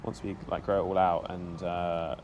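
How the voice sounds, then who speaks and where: A British man in his thirties, a motorcycle vlogger, streams live from a café stop outdoors in central London, chatting casually and self-deprecatingly to viewers through a small action-camera mic on his helmet. His low, darkish voice is flat at a normal speed, with a little hiss or hum.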